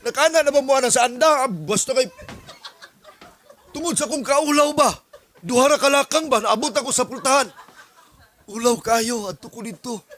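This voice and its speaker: A male pastor from the Philippines preaching a sermon as an animated story, acting out dialogues. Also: extremely high pitch, normal speed, long pauses.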